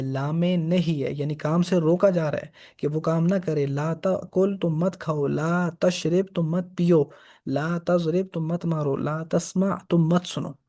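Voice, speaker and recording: Guy teaching quran grammar, says every example twice, kinda high but mellow voice. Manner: patient, repeats each example. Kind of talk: grammar lesson.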